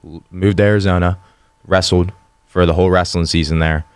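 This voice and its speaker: A young man in his twenties from western Pennsylvania, a podcast guest talking about himself in a matter-of-fact way. His voice is very low and flat but smooth and clear, and the recording is dry and close. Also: brisk, dry recording. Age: 20s. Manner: plain, matter-of-fact storytelling. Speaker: guest, fighter. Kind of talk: casual interview.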